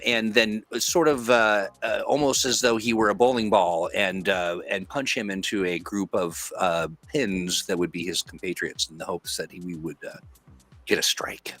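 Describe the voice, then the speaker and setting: Casting: male tabletop player, bright forceful tone on a lowish voice, hesitant and improvising. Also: unhurried, faint music behind. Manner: hesitant, thinking aloud. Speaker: game player. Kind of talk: casual tabletop game play.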